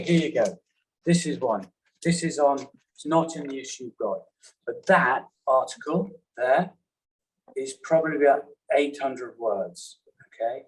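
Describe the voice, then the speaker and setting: A man teaching a journalism class in a classroom, talking in a halting way and often checking in with "okay?". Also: medium pitch, husky, poor audio. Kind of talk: classroom lecture.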